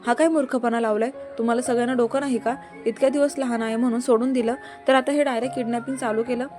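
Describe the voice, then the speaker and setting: A woman's voice: a little high, fairly even intonation, a little fast, lightly acted. A woman reading as an angry scolding young husband. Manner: stern, scolding. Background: background music.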